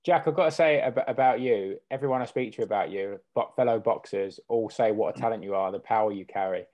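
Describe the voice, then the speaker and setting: Quick, lowish-voiced interviewer. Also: male voice, a little mellow. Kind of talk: casual sports interview.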